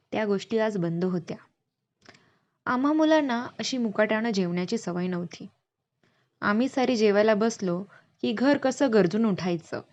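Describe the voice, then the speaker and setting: A woman reading a school lesson story aloud, animated, acting out the voices of children and elders. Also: mid-range voice. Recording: dull lo-fi recording.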